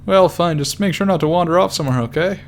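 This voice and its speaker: A man's voice: fairly high pitch, quick pace, a little hiss or hum, voice pushed up, natural voice. A man reading a serious young anime girl. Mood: gently firm. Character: serious young female companion.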